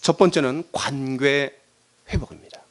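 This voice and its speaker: A man's voice: mid-range voice, moderate pace. A man preaching a Sunday sermon as pastor, dramatically acting out the voices in the quotes he tells. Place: church sanctuary.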